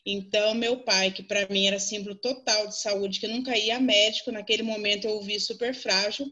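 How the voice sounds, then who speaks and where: A woman researcher telling a personal story on a video call, in a reflective, earnest way with pauses. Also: mid-range voice, steady tone, sharp tone, highs cut off.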